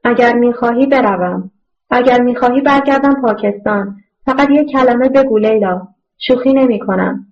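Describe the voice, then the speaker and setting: A regretful man who has returned after years, speaking low and earnestly, voiced by a woman reading aloud. The pitch sits a little high and the audio is dull and lo-fi, like a home audiobook recording. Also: lightly acted. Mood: pleading. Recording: muffled lo-fi audio.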